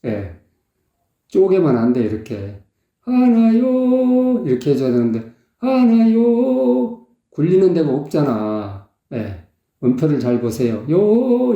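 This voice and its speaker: A man's voice: medium pitch, mellow. A man working as a vocal coach, analysing a singer's performance and explaining technique step by step. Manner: explanatory, sings short phrases to demonstrate. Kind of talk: song analysis commentary. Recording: echoey, dull lo-fi sound.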